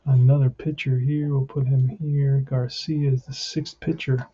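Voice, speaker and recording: A man's voice: medium pitch, little pitch movement, measured pace, warm tone, husky. A man giving casual play-by-play of a tabletop baseball game, thinking aloud as he plays. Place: indoors at a tabletop. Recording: muffled lo-fi, faint noise with clicks.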